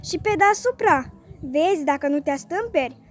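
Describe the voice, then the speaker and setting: A woman's voice: high voice, animated. A woman voicing a flustered young mother who sounds exasperated and defensive. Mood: indignant.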